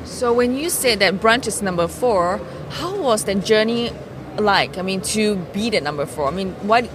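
A woman's voice: medium pitch, lively intonation, normal speed, background noise. A woman hosting a podcast, asking eager questions and reacting effusively to her guest. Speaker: podcast host. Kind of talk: podcast interview.

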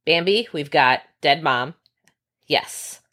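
A woman's voice: low voice, slow pace, pushed and bright. A young woman co-hosting a podcast, chatting playfully and swearing freely. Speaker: podcast co-host. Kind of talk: casual chat.

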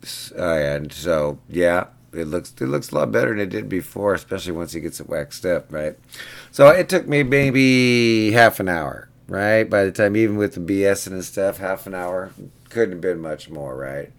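Casual male vlogger, very low pitch, rambling storyteller, pinball repair guy. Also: lively intonation, normal speed, gravelly. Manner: rambling, chatty, keeps asking "right?".

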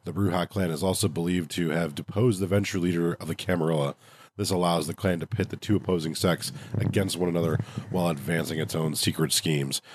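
A man's voice: sits low, steady tone, brisk, noisy background. A man hosting a podcast in casual review talk, with a nasal voice stuffed up from a cold. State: congested from a cold. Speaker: podcast host.

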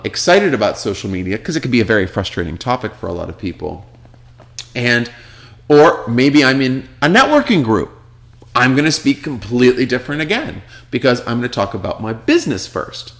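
A man's voice: fairly low pitch, a bit bright. Guy explaining social media copywriting, chatty, lots of "see what i mean", voice bounces up and down a lot. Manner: conversational, asks the listener rhetorical questions. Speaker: social media marketing instructor. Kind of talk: casual instructional talk.

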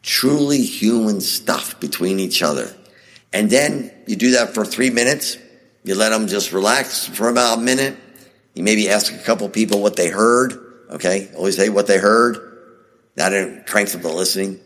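A man's voice: on the low side, moderate pace, fairly bright tone, big-room sound. A man hosting a teaching podcast, talking conversationally, reading scripture aloud and asking rhetorical questions. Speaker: podcast host.

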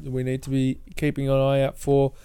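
A man co-hosting a casual sports discussion, halting as he thinks aloud. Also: mid-range voice, completely flat delivery, warm tone, smooth. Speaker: sports podcast co-host.

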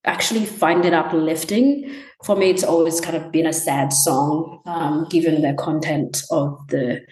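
A young woman from Tanzania, a musician answering interview questions in a soft, halting way with many ums. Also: sits low, fairly even intonation. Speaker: musician guest. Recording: echoey room.

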